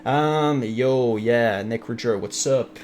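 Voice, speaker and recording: This French Canadian-accented streamer, a young man from Ontario who grew up speaking French, rambles through a casual live-stream chat, reading messages aloud amid many fillers and restarts. He speaks slowly in a mid-range, darkish voice. A little hiss or hum sits underneath.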